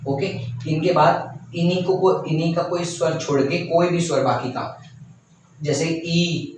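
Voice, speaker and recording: A man's voice: a little high, fairly even intonation, a little slow, a little mellow, slight background noise. A young man teaching a grammar lesson step by step, repeating points and often saying okay. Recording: very echoey room, voice from far off.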